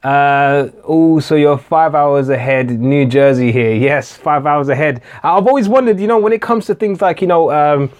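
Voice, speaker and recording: An English tech channel host with a slightly high, somewhat mellow voice runs a casual live-stream Q&A at a moderate pace with few pauses. He reads viewer comments aloud and answers them hesitantly, full of fillers and restarts.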